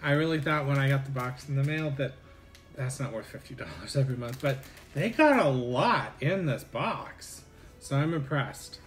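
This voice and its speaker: A man's voice: mid-range voice, animated, moderate pace, soft background music. A man hosting a casual snack unboxing, chatting candidly about the cost of the box. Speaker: channel host.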